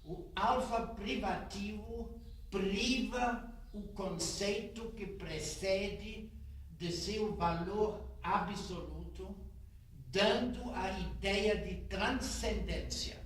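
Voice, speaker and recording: An unhurried man with a rather high voice gives a lecture, choosing his words slowly and carefully. The sound comes from an old worn cassette tape, with a strong echo from the room around him. His voice reaches the mic from far off. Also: a bit bright. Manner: deliberate, defines terms and repeats them carefully. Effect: old worn cassette tape recording. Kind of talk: lecture on music terminology.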